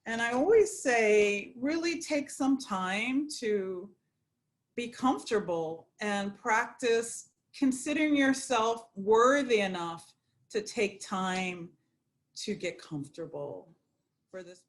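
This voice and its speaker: A woman guiding a yoga nidra meditation, speaking in a slow, soothing, prayerful way. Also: a little high, animated. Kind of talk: guided meditation.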